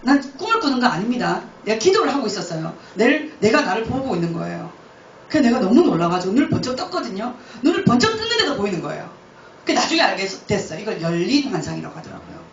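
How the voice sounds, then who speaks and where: A woman missionary giving a lively testimony, often laughing as she tells her story in a church. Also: fairly high pitch, very fast, a little hiss or hum. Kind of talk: testimony talk. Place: church hall. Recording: roomy, distant, dull church recording.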